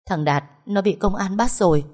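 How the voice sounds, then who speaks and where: A woman's voice: mid-range voice, moderate pace, darkish tone, voice pushed up, close to an everyday voice. A woman voicing a worried young married daughter who asks anxious, urgent questions and keeps the peace.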